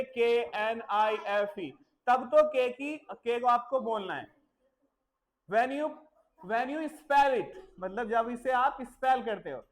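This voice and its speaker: A man teaching a classroom vocabulary lesson, repeating each word and spelling it out letter by letter. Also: extremely high pitch. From India.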